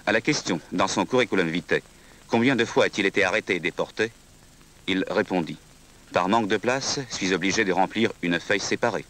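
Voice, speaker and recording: Deep-voiced man narrating a historical documentary. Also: fairly bright tone, poor audio.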